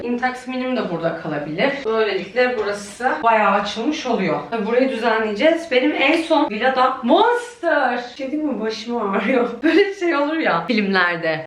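A woman's voice: on the high side, fairly bright tone. Chatty woman vlogging in an echoey home. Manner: chatty and self-mocking, laughing often. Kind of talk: casual home vlog chat. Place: her apartment during redecorating. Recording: echoey room.

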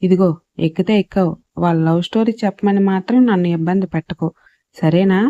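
Casting: woman playing an anxious young doctor in an audio story, quick and brisk, warm dark tone. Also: high voice, fairly even intonation, no echo, lo-fi sound. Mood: hurried. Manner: hurried, brisk.

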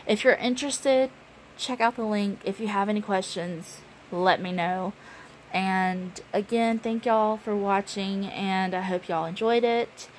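A woman's voice: mid-range voice, a little slow, a little hiss or hum, low-quality recording. A woman, chatting casually through a show-and-tell vlog with lots of ums. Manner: chatty, relaxed, many ums. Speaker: beauty vlogger.

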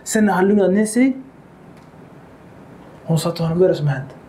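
A man giving a religious lecture, animated and acting out quoted dialogue, with Arabic quotations mixed in. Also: sits high, echoey room, slight background noise. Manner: mixes Arabic quotations into Swedish. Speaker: Islamic lecturer. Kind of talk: lecture on the life of the Prophet.

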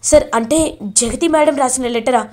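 A woman's voice: sits high, moderate pace, a little mellow, lightly acted. A woman voicing an anxious young heroine who urges others on.

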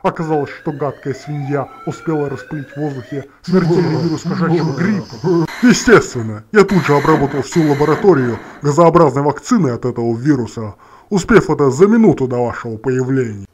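A man's voice: on the high side, animated, brisk, natural voice. A man voicing a self-satisfied young cat scientist, explaining formally and pompously in a noisy parody cartoon. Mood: smug explaining. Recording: noisy home-made cartoon soundtrack.

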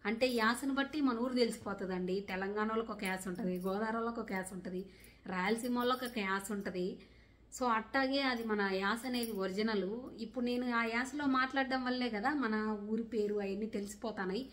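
A woman's voice: a little high, fairly quick. A young woman from Rayalaseema with a Rayalaseema Telugu accent, answering viewer questions in a casual vlog in an earnest, rustic village way of talking. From Rayalaseema, India. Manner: earnest, rustic village dialect, defends herself plainly. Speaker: vlogger.

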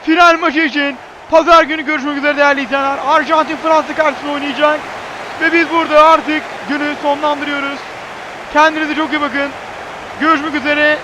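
High, shouting male football commentator. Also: flat delivery, a little fast, background noise. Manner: clipped phrases, repeats player names emphatically. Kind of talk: live football commentary, shouting excitedly at key moments.

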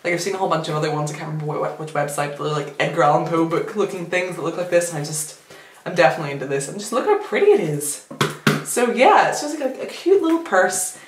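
A woman's voice: sits low, expressive, fast talker. A young woman chatting casually through a clothing haul video, giggly and full of fillers. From United Kingdom. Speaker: vlogger. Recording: echoey room, faint noise.

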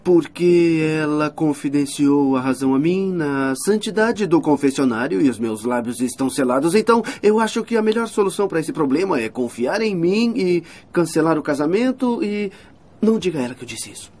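Conspiratorial fake priest, lively and persuasive. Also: male voice, on the high side, brisk. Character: man posing as a priest, sly and coaxing. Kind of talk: dubbed film acting.

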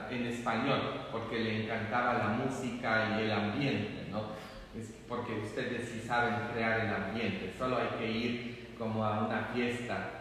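A priest, giving a chatty, humorous homily in a large empty church. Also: male voice, medium pitch, fairly bright tone, slight background noise. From Poland. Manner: slow, chatty and humorous, many fillers. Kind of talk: conversational homily. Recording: echoey church hall from far off.

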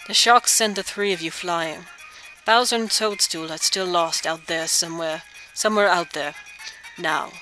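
A woman puts on an elderly male frog sage for a video game. He speaks formally and patiently, like a kindly teacher, with a clear bright edge. Faint music plays behind him. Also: lowish voice, poor audio. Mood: grave, patient. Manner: measured, formal, sage-like phrasing with tag questions. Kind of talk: video game dialogue read aloud.

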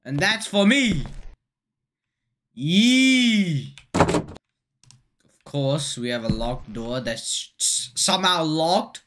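A woman playing through a horror game and talking the whole way. Her pitch swings widely, from low mutters up to sharp yelps, and her delivery is slow and drawn out. She speaks in a slangy, jumpy way, with a faint hiss of noise underneath. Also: expressive. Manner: jumpy, slangy, exclaiming loudly. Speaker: gaming YouTuber.

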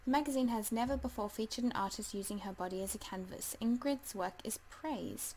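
A woman's voice: on the high side, fairly quick, darkish tone, slight background noise, rough recording. A woman casually commenting as she plays a life simulation game, chatty and hesitant, full of ums, and talking to the game characters. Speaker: let's play gamer.

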